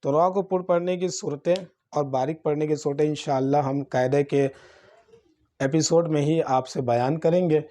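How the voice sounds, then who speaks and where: A man's voice: on the high side, mellow. A man with a Pakistani Urdu accent teaching Quran reading, explaining letters and vowel marks step by step. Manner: drawn-out syllables in recitation drills. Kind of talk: slow spelled-out teaching lesson.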